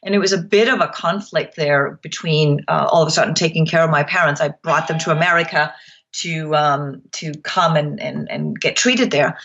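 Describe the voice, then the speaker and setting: Guest, woman from Denmark, lowish voice, reflective and hesitant, slightly dull audio. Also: fairly even intonation, moderate pace, creaky, a bit bright. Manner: reflective, hesitant with frequent ums. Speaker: podcast guest. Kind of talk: interview conversation.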